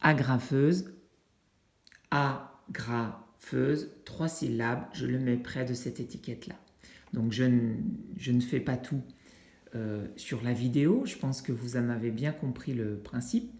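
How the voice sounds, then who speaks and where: A teacher explaining a learning activity to parents in an unhurried way, pausing often with fillers while demonstrating with objects. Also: medium pitch, darkish tone. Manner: unhurried, with frequent hesitations and fillers. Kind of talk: instructional video for families. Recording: roomy, echoey indoor sound.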